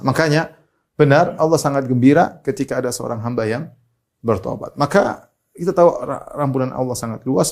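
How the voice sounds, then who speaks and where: Indonesian man preaching with swelling emotion. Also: vocal fry. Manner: animated, rising high and loud when telling a story, sinking quiet when pleading; recites Arabic hadith then translates. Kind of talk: sermon.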